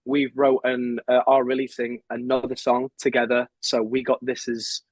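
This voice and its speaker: A man's voice: mid-range voice, completely flat delivery, moderate pace, no room sound, rough recording. A man in his twenties, a songwriter guest on an interview, talking in a chatty, rambling way with many fillers and restarts. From England. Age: 20s. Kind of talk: casual interview chat.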